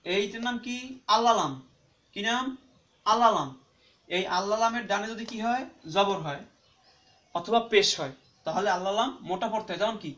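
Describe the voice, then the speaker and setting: High-voiced man teaching Quran reading. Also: fairly bright tone, dull audio. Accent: Bangladeshi Bengali. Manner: asks and answers his own questions, repeating terms slowly; drawn-out syllable-by-syllable spelling of letters. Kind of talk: spoken classroom-style lesson.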